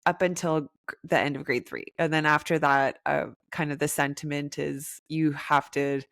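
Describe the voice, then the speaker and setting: A woman in her thirties co-hosting a podcast, chatting casually in a raspy, hoarse voice from a head cold. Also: low voice, fairly even intonation, normal speed, fairly bright tone, no echo, studio quality. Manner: chatty, upbeat, rambling. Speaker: podcast co-host. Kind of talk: casual chat.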